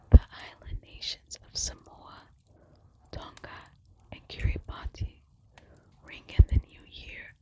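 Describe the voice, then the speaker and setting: Casting: female ASMR presenter, fully whispered librarian-style hush, unhurried, deliberate reading of facts. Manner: librarian-like hushed whisper, unvoiced.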